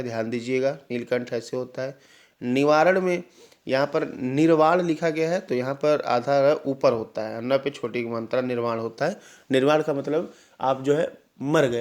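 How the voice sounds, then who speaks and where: A young man coaches students through an exam-prep lesson in a patient, explanatory way. His voice sits at an ordinary middle pitch. He talks to them directly and keeps checking that they follow, now and then calling them "brother". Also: moderate pace, darkish tone. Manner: explains patiently, often repeats "ठीक है" to check understanding.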